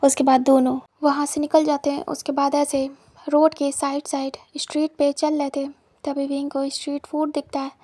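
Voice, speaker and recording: A woman narrating a fanfiction story in an even, monotone reading manner. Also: high voice, normal speed.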